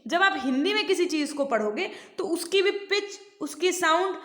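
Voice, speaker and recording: High-voiced Indian woman teaching online. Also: lively intonation, a bit bright, roomy sound. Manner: mixes Hindi and English, asks students questions, reads English slowly. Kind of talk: online class lecture.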